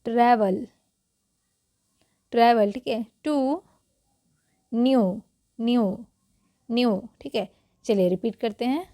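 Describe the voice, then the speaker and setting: A woman's voice: fairly high pitch, slow pace, long pauses, warm tone, no echo, clean studio sound. A woman teaching English reading in Hindi, patiently repeating each word and quizzing the viewer.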